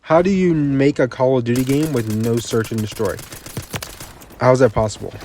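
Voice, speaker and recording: A man's voice: mid-range voice, normal speed, mellow, a little hiss or hum. A man giving casual gaming commentary, ranting bluntly and repeating himself, a bit tired, with faint game sounds behind him.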